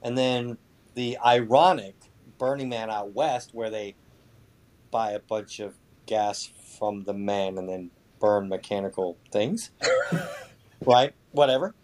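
A man's voice: on the low side, slow pace, darkish tone. A man chatting casually as a podcast guest, sarcastic and foul-mouthed, with mock boasting. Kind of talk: casual chat.

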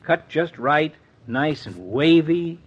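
A man's voice: fairly high pitch, lively intonation, takes it slowly. An American man playing a jovial middle-aged town doctor with a droll, teasing wit in a 1950s radio comedy. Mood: genial. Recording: dull vintage radio recording.

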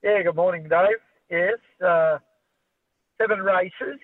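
Casting: Australian male racing tipster, fairly high voice, off-the-cuff form preview, thin phone-line audio. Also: takes it slowly, no room sound. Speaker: horse racing form analyst. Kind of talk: unscripted racing preview on radio. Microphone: phone call to radio studio. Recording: tinny, band-limited phone line.

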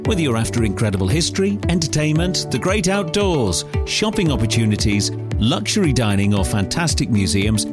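A man's voice: medium pitch, very animated, fairly quick, few pauses, over loud music. A man hosting a podcast, presenting and interviewing in the manner of a travel guide. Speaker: podcast host. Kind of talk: scripted introduction and on-location interviewing.

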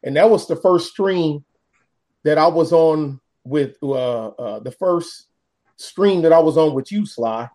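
Guy with a kinda higher voice, folksy casual chat, halting, repeats himself. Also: a little mellow.

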